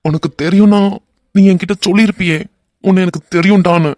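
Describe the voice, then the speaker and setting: A man voicing a young husband in an animated romance, earnest and bantering in a Kanyakumari Tamil accent. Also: sits high, fast, no echo, studio quality, lightly acted. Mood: earnest musing.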